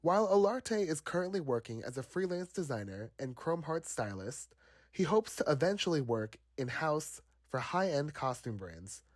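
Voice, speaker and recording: Lively male reporter, dry voice-over. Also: a little high, moderate pace, no room sound. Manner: upbeat, promotional tone. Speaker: video reporter and narrator. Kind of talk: scripted narration.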